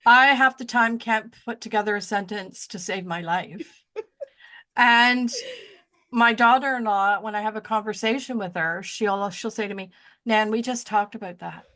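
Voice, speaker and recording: In a bright, forceful voice of medium pitch, a sixty-something woman co-hosts a podcast at normal speed. Her casual chat wanders, she often loses her thread, and she jokes about herself.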